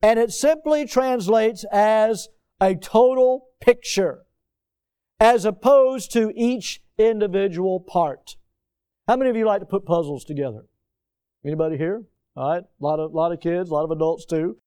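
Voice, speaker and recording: A middle-aged male pastor preaching, reading scripture in a raised, measured voice, then telling folksy stories and asking the congregation questions. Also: sits high, warm tone, clean tone. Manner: folksy, storytelling asides.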